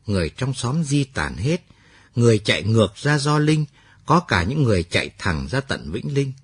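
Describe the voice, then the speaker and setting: A man narrating a late-night radio story in a steady storytelling manner. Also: mid-range voice, breathy edge.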